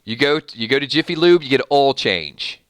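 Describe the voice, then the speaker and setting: A man from Georgia with a Southern accent, hosting a casual livestream, reading viewer comments and chatting in an animated way with easy laughter. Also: medium pitch, brisk, no echo. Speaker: livestream host.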